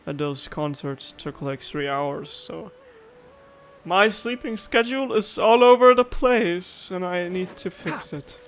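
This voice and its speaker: This gaming streamer offers casual let's-play commentary at a slow pace, playful and meandering, often muttering to themselves. The voice is medium in pitch and rides over game music with slight background noise.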